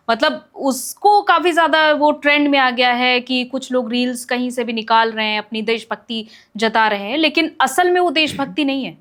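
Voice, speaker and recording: A woman hosting an interview podcast, her voice sitting fairly high. She keeps her turns short and conversational, nudging the discussion along. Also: fairly bright tone. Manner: brief interjections and prompts. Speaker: podcast host. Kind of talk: casual interview chat.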